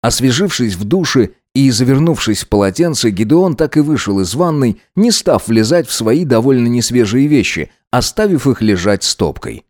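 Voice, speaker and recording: A man reads audiobook narration in a mid-range voice with lively, varied intonation, keeping a steady storytelling pace. The recording is close and dry, with no room sound at all. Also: mid-range voice, normal speed, hardly any pauses, no room sound.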